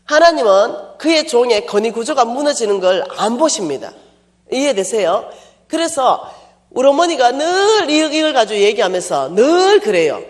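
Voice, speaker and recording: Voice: mid-range voice, big pitch swings, moderate pace. A preacher giving a sermon in an emphatic way, putting rhetorical questions to the congregation and acting out quoted dialogue in a raised voice.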